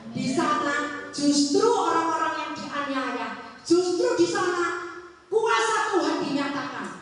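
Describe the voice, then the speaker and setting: An older woman preaching a sermon with personal testimony at a prayer meeting, often calling to her listeners and swinging between loud and hushed passages. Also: high-pitched. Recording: echoey hall from far off.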